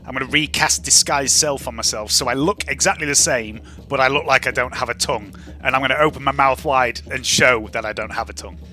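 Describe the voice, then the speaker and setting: Bright-voiced sweary male gamer. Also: medium pitch, fast, hardly any pauses, soft background music. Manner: sweary, describes actions in first person. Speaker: tabletop game player. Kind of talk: casual gaming chat.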